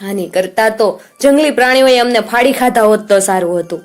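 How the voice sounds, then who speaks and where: A frightened little girl in a storybook, clever but anxious, pleading in a raised, high voice, as a woman narrator puts her on. Faint music sits underneath. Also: brisk, close to an everyday voice.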